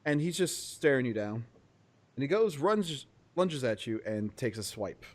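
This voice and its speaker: A man's voice: mid-range voice, very animated, measured pace. Laid-back male game master. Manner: loose, chuckling, with many fillers. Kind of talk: narrating a tabletop game.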